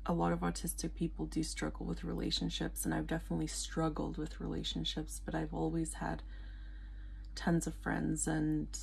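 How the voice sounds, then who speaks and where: A woman talking quietly in a casual late-night vlog, rambling with frequent fillers and laughter. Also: low-pitched, monotone, normal speed, gravelly, slight background noise. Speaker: vlogger.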